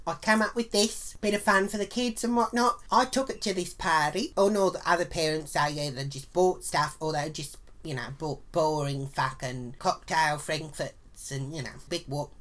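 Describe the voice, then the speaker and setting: A woman's voice: low voice, normal speed, few pauses, a bit bright. Foul-mouthed Australian woman vlogger. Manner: blunt, crude, swears constantly. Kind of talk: comic storytelling and cooking tutorial.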